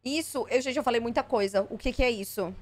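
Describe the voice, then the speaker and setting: Skeptical high-voiced streamer woman. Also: fast talker. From Brazil. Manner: skeptical, exasperated, swears freely. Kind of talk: live stream reaction.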